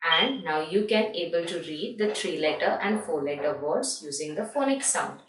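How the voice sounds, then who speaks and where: A woman's voice: sits low, lively intonation, normal speed, far from the mic, noisy background. A woman teaching kindergarten phonics, spelling out letters and stressing each word. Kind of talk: slow, deliberate phonics lesson. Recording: echoey room, voice off-mic.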